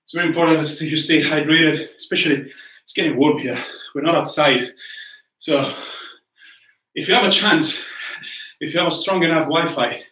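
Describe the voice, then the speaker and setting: This male coach's voice is on the high side, pushed and bright, at a moderate pace. Cheerful and encouraging, he leads a live home workout, counting down and cueing each move as he gets out of breath between them. A laptop camera across a warm indoor room at home picks him up, leaving a roomy, distant-mic echo.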